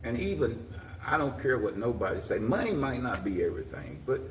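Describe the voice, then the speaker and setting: Speaking as an interview guest, the president of a community organization, an older American man, offers plain-spoken encouragement in a folksy way that repeats itself. His mid-range voice moves fairly quickly and swings widely in pitch. The sound is roomy and distant, with a faint noise underneath.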